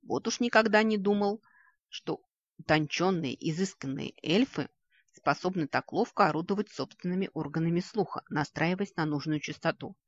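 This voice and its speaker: A reader voicing a haughty, calm male elf mage in an audiobook, explaining with measured pride in a husky voice. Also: mid-range voice, dry recording, muffled recording, natural voice. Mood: proud. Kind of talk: audiobook character voice.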